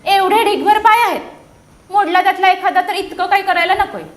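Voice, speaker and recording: Dismissive butterfly read by a woman, scoffing, high voice, echoey room. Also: brisk. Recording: echoey classroom.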